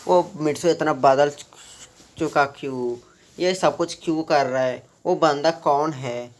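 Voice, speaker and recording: A man casually retelling a fan-made story, halting often with restarts and self-corrections. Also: a little high. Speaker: fan storyteller recapping his own story.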